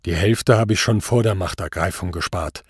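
A man voicing a calm, stubborn older craftsman who answers a court tersely in a story reading. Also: low voice, unhurried, slightly rough, dry recording, clean studio sound, voice pushed down. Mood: cool. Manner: cool, terse, quiet.

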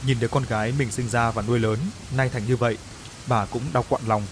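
A man's voice: medium pitch, level tone, a little fast, slight background noise. Man narrating a mournful story. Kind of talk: scripted ghost story narration.

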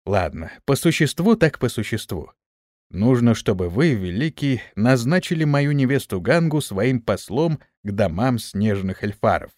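A man reading an audiobook, voicing a sly, bold young male hero in a brash, lively tone. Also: medium pitch, unhurried, dry recording, clean studio sound, lightly acted. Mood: scheming.

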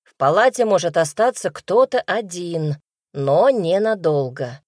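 A woman's voice: fairly low pitch, expressive, a little slow, darkish tone, dry recording, studio quality. A woman doing a stern male healer.

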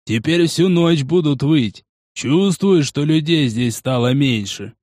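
Man voicing a gruff foreman, grumbling, slow drawl, dry sound. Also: a little high, animated, darkish tone, no echo.

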